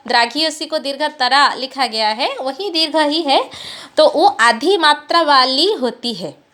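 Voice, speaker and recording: A woman giving an online Sanskrit class, explaining slowly and repeating terms. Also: high-pitched, a bit bright. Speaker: Sanskrit lecturer.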